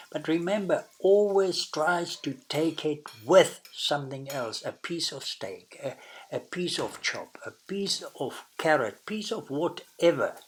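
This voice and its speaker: A man giving deliberate cooking advice in an instructional voice-over. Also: fairly high pitch. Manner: deliberate, advising.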